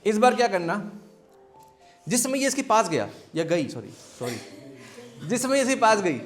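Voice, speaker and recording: Animated man teaching a class. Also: high-pitched, soft background music. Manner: animated, directs students, asks quick questions. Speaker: science workshop teacher. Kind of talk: classroom demonstration. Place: school classroom.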